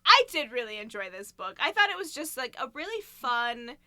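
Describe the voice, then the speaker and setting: A woman co-hosts a casual book podcast, her voice bright and ringing and her pitch sitting a bit high. Her speech rises and falls freely, and she laughs easily between points. The sound is dry and close. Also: sing-song, moderate pace, no room sound. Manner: chatty, laughs often between thoughts. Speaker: podcast co-host.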